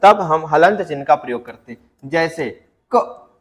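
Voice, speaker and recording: A male teacher giving an exam-prep grammar lecture, asking his students questions and answering them himself, and drawing out example words slowly to show stress. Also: on the high side, expressive, long reverb tail. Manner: addresses students as friends, asks and answers own questions.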